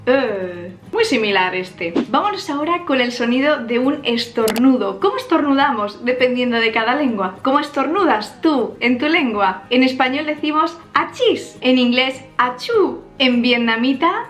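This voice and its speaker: A woman's voice: high-pitched, animated, moderate pace, a bit bright, faint music behind. A woman with a Spain Spanish accent, a language YouTuber, playfully imitating sounds as she explains them in an upbeat educational vlog. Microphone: camera mic, filmed at close range.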